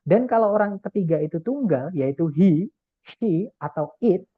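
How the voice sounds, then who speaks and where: Male tutor, patient and methodical, explains slowly over a thin, dry online call line. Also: a little high, no room sound. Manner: patient, explains step by step, keeps addressing the class. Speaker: TOEFL tutor. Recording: tinny call audio, dry.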